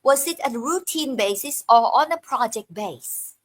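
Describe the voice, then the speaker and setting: A woman hosting a formal panel, asking questions and presenting guests in measured, short phrases. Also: a little high, lively intonation. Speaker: host.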